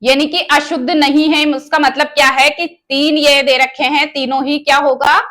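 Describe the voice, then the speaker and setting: A woman's voice: sits high, flat delivery, fairly bright tone. A woman with a Rajasthani Hindi accent teaching an exam-prep Hindi grammar lesson, asking the class questions and answering them herself as she goes through each option. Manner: spells out words slowly, option by option.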